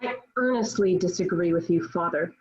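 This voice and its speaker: A woman's voice: fairly low pitch, normal speed, a little mellow, natural voice. A woman playing a devout, defiant young peasant girl in a table read of a period play, speaking earnestly in formal archaic language over a video call. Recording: dull, lo-fi online call.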